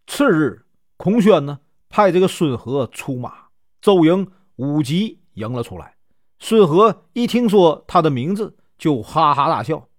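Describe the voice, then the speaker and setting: Chatty male storyteller, lively voice. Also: a little high, no room sound, studio quality. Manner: chatty, lots of drawn-out filler particles. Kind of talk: casual storytelling of a classic legend.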